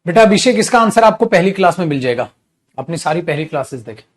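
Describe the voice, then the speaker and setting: A male English teacher giving a live online grammar class, explaining with rhetorical questions, reading example sentences very slowly and calling the students beta. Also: on the high side, animated. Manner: addresses students affectionately as beta.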